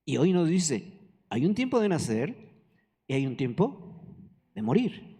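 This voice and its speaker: An older man preaches in a casual, conversational way and often turns to the congregation with questions. His voice is mellow and dark, set a little high, and a long reverb from the church hall trails after his words. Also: sing-song, measured pace, breathy edge. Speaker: pastor. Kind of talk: sermon.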